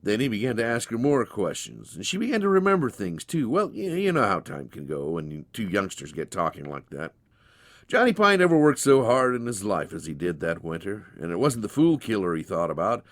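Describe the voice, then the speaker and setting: A man tells a storybook tale in a folksy manner, his pitch rising and falling with lively expression. He speaks fairly quickly, and the recording is dry, with no room sound.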